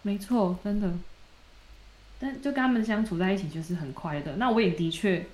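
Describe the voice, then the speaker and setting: A woman co-hosting a podcast, retelling a story in a lively, casual way and acting out the quoted dialogue. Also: medium pitch, a little fast. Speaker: podcast co-host.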